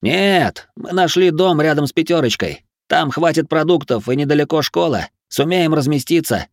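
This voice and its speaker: A man's voice: fairly high pitch, fairly even intonation, moderate pace, gravelly, no room sound, pitched above the performer's own voice. A man voicing an exhausted young militiaman who argues and barks orders in an audiobook. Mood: stubborn shouting. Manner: shouting, curt, commanding.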